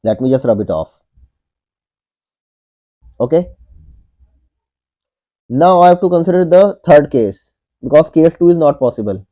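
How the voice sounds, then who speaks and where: A man's voice: on the high side, lively intonation, measured pace, long pauses. A man in his thirties, an online tutor, working through a logic puzzle step by step, repeating each point and saying "okay" often. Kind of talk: whiteboard puzzle walkthrough. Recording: dull lo-fi audio.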